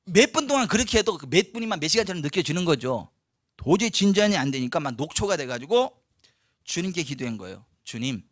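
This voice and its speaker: A man preaching a storytelling sermon as pastor in a church, animated, acting out the people in his story. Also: on the high side, dry recording, studio quality. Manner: animated, acts out quoted voices, laughs often.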